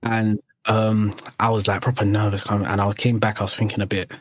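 A man's voice: on the low side, level tone, a little fast, dry recording. A young man from Eritrea and Sudan, telling rambling anecdotes in casual chat with many restarts. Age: young adult. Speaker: podcast guest.

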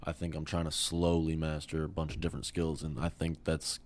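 A young man chatting casually as a podcast guest, rambling with lots of fillers and trailing off quietly. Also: very deep voice, monotone, fairly quick. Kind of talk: casual chat.

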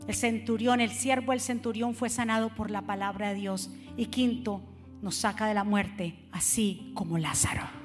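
A woman preaching a sermon in a church, building from calm teaching to fiery shouting and acting out the voices of the people she describes. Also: mid-range voice, moderate pace. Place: church sanctuary. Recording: reverberant church hall with music behind.

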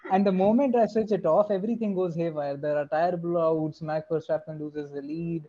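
A man's voice: steady tone, brisk, dark tone, slight background noise. A man telling anecdotes in casual chat as a motorsport podcast panelist. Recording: muffled low-fi audio.

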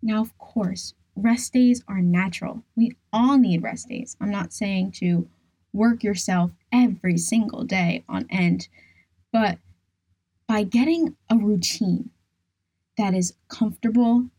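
Female podcast host, mellow and smooth, dry close studio sound, earnest explainer delivery. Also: medium pitch, slow, dry recording. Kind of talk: scripted solo podcast talk.

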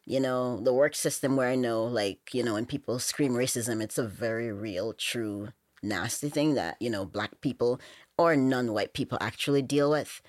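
Jamaican woman with a very low voice. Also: normal speed, no echo, clean studio sound. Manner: frank, emphatic, with many "you know" fillers. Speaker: podcast guest. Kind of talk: casual interview chat.

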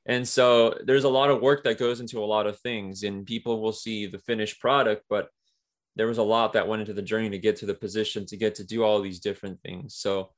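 A man's voice: on the low side, little pitch movement, fairly quick. A man guesting on an interview, talking about his work as a comic writer in a casual, rambling way with many fillers. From Mexico–US border region.

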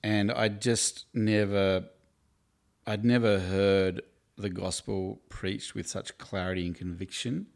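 A very low-voiced Australian man from Tasmania, in his forties, talks with a gravelly edge. He tells stories from his own life as an interview guest in a chatty, self-deprecating way, laughing as he goes. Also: steady tone, slow. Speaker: campus ministry worker, guest. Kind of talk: casual interview storytelling.

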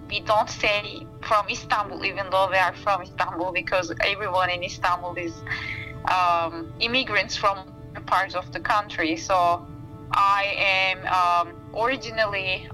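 A woman in her thirties from Turkey, speaking English with a Turkish accent, talking thoughtfully about her research and often pausing to find her words. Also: mid-range voice, bright, forceful tone, poor audio. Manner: thoughtful, searching for words with frequent fillers. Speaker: researcher, interview guest. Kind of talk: casual interview talk. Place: outdoors by a campfire.

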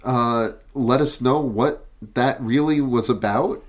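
A man co-hosting a podcast, chatting about a film in a hesitant, halting way and repeating his words. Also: medium pitch. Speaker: podcast co-host. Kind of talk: casual chat reviewing a film.

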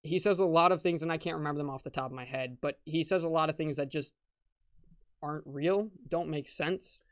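A man speaks in a somewhat high register for a male voice. He is a podcast co-host in a relaxed, informal review chat, talking in everyday conversational language. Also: a little fast. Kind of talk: casual film review chat.

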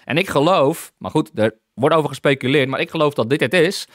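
In a brisk, slightly high and somewhat bright voice, a man works through a Bible passage, exclaiming hallelujah and frequently starting his sentences over as he reads and explains. The studio-quality audio has no room sound.

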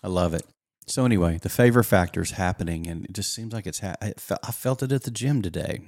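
Male co-host, very low gravelly voice, dark tone, lively storyteller for faith podcast. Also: quick pace, no room sound, studio quality. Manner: animated storyteller, acts out quoted lines. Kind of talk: casual faith chat.

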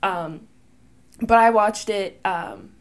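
A woman co-hosting a relaxed podcast chat, with a medium-pitched voice. She trips over names, apologizes and laughs as she goes. Her talk is loose and conversational, recorded on a home podcast mic. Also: slow pace. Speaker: podcast co-host. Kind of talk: casual chat.

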